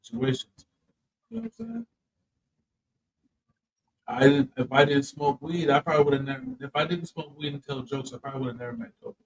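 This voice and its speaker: A man's voice: mid-range voice, fairly quick, pauses often, a little hiss or hum, low-quality recording. A man, a comedian and co-host, in casual chat, telling a personal story with profane, emphatic asides.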